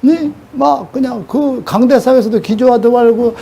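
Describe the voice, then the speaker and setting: A man's voice: very high voice, moderate pace, gravelly, warm tone, slight background noise. An older man preaching a sermon in a scolding way, throwing rhetorical questions at his audience.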